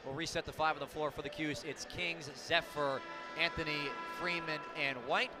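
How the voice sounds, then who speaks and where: An American man calls basketball live on the radio from an indoor arena, his clipped, descriptive play-by-play rising on big plays. His fairly high voice keeps a steady tone at normal speed. Music plays in the background along with clear arena noise and bouncing basketballs.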